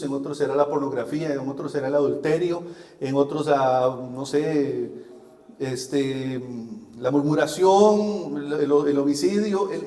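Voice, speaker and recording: Costa Rican male preacher, middle-aged, slightly high voice, homely storyteller; roomy hall with long reverb. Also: darkish tone. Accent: Costa Rican Spanish. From Costa Rica. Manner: folksy storyteller, laughs at himself. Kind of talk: sermon with personal testimony.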